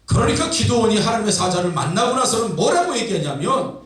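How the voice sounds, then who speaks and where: A man's voice: sits high, very animated, quick pace, fairly bright tone. A male pastor giving a sermon, retelling a scripture story in a dramatic, storytelling way. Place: church sanctuary. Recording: echoey hall from far off.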